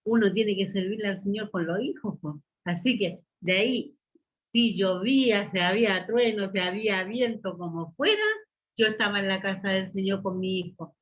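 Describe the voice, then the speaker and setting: A woman's voice: medium pitch, normal speed. A woman with a Chilean Spanish accent giving a personal testimony at a church meeting, telling her story and calling her listeners brothers and sisters. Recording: muffled lo-fi recording.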